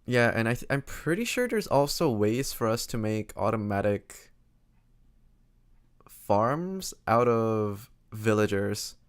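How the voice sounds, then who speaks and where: A man streaming games, chatting casually in a quiet, low-energy way as his voice starts to go hoarse. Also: very animated, slow. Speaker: game streamer.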